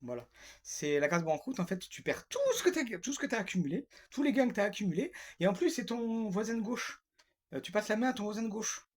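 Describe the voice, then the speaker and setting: A man's voice: high voice, lively intonation, fast talker. A man delivering a rambling, grumpy and sarcastic comic monologue, repeating himself often.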